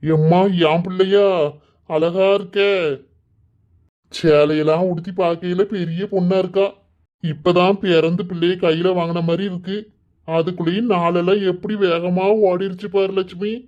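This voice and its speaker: A voice actor playing a soft-hearted village father in a cartoon, gentle and soothing, with a Kanyakumari Tamil accent. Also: medium pitch, flat delivery, moderate pace, close to an everyday voice. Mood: tender. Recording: dull lo-fi recording.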